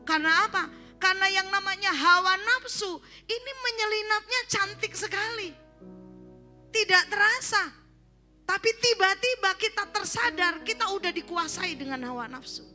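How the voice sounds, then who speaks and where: Woman pastor, bright forceful sermon voice, conversational with humor. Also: very high voice, normal speed, faint music behind. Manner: conversational preaching with joking asides. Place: church service.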